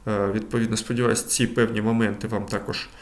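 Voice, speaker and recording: A man giving a German lesson who hesitates, fills pauses and reads German examples slowly before translating them. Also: lowish voice, flat delivery, echoey room. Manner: hesitant, frequent fillers and repeated 'відповідно'. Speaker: German language teacher.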